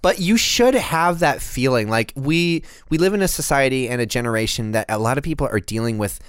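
A man's voice: mid-range voice, animated, fairly quick, clean tone, no room sound. A man co-hosting a podcast, chatting about a movie in a reflective, emotional way with dry asides. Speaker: podcast co-host. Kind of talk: casual movie discussion.

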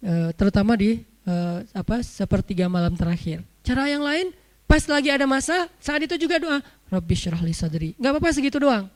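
Casual: high-voiced preacher guy, jokey chatty sermon. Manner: joking, chatty, chants Arabic verses slowly.

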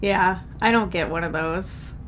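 A woman's voice: on the low side, a little slow, fairly bright tone. A woman with a cold co-hosts a podcast, her voice nasal and stuffy. She keeps a laid-back, dry tone. Faint noise sits under the recording. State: has a cold. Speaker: podcast co-host. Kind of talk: casual chat.

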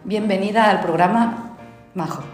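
A woman hosting a podcast, welcoming her guest warmly. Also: medium pitch, normal speed. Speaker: podcast host. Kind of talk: podcast interview. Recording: echoey room with faint music.

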